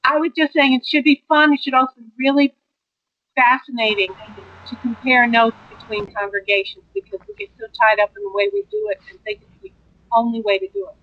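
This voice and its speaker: A woman in the workshop audience making a quick, eager remark. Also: fairly high pitch, fairly even intonation. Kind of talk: casual remark. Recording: dull recording from far off.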